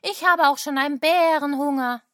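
A woman's voice: high voice, normal speed, a bit bright, dry recording, clean studio sound. A woman voicing a sensible, talkative child in a family audio drama. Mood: cheerful.

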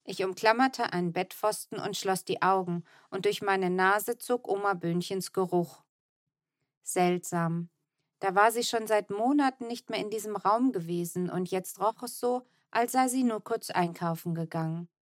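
A woman's voice: medium pitch, moderate pace, no room sound, studio quality. A woman narrating a children's book in the first person, telling the story evenly and tenderly. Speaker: audiobook narrator.

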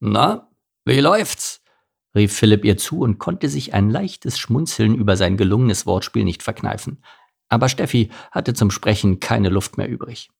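A man's voice: fairly low pitch, normal speed, creaky, darkish tone, breathy edge. A man narrating a children's story in a playful way, speaking directly to his listeners. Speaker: audiobook narrator.

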